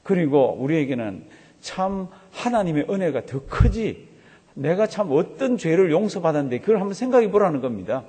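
A man's voice: fairly high pitch, sing-song, normal speed, dark tone, slightly rough. A man preaching a sermon as a pastor, telling a story and acting out the voices of the people in it. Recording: long hall reverb.

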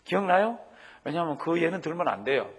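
A middle-aged pastor preaches a lively sermon on reading the Bible, quizzing the congregation and getting them to repeat his words. His voice sits on the high side, moves quickly, and has a breathy edge.

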